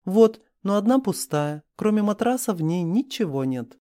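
A man voicing a feisty, sharp-tongued young wife who is tipsy, lifting his voice to sound indignant. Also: sits high, sing-song, moderate pace, dry recording, studio quality, voice pushed up. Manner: indignant, raised voice.

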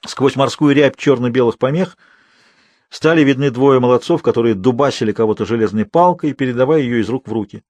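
A man narrating a novel as an audiobook reader, in a measured, dryly ironic manner. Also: medium pitch, darkish tone, no room sound. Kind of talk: scripted narration.

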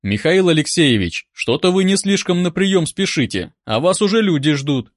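A man's voice: fairly high pitch, big pitch swings, normal speed, no echo, studio quality. A man voicing a smug, spiteful male doctor who sneers and feigns sympathy. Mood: sneering.

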